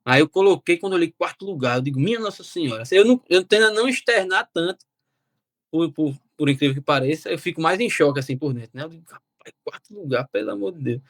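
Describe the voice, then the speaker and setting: Fast-talking young man. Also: a little high, dry recording, studio quality. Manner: animated, quotes himself and relatives. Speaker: interview guest. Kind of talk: casual storytelling.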